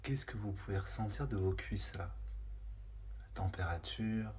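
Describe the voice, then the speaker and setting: Guiding a body scan meditation, this man keeps his voice low and a little mellow. He offers short, unhurried phrases separated by pauses, at times hesitating before the next, and there is slight background noise.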